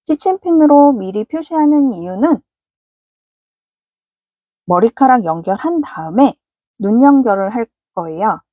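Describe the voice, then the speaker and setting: A woman walks viewers through a crochet project in a patient, polite teaching voice. Her pitch sits a little high and moves a lot as she explains. The sound is dry and close. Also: expressive, measured pace, pauses often, mellow, no room sound. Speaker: crochet instructor. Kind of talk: step-by-step crafting tutorial.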